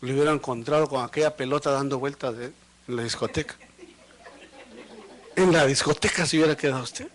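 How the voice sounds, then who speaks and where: A man preaching a sermon as pastor. He speaks to the congregation with rhetorical questions and swings between loud emphatic lines and low, quiet ones. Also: brisk, long pauses. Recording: livestream of a live church service.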